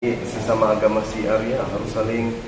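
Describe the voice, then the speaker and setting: A man's voice: lowish voice, monotone, moderate pace, background noise. A man talking casually and agreeably in a discussion. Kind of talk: casual conversation. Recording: echoey, distant mic, loud crowd.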